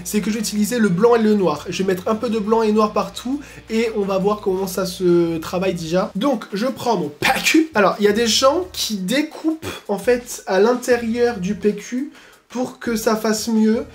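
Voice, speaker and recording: A man hosting a casual makeup tutorial at home, talking in slangy asides and breaking into excited exclamations. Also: high voice, normal speed. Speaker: beauty YouTuber.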